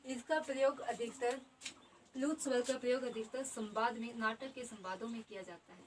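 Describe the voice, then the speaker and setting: A woman's voice: fairly high pitch, normal speed, far from the mic, slight background noise, low-quality recording. A woman teaching an exam-prep grammar lesson, explaining each term twice and repeating definitions.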